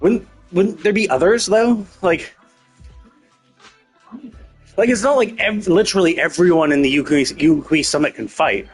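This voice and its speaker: A man with a high, slightly rough voice streams a story game from an indoor livestream setup, music in the background. He speaks at a normal speed with long pauses, thinking out loud in a loose, sarcastic, rambling way and cursing freely.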